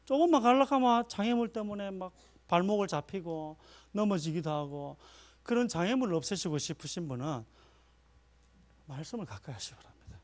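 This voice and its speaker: A man's voice: high-pitched, animated, fairly quick. A male pastor giving a chatty sermon, telling personal stories and laughing at himself. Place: church.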